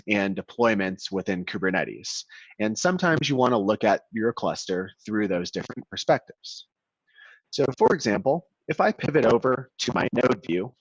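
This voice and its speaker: A man presenting a software walkthrough in a webinar, explaining steadily while his call audio keeps cutting out and breaking up. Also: fairly low pitch, no room sound. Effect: choppy, cutting-out call audio. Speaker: product demo presenter. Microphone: video call. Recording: dull, dry, glitchy call audio.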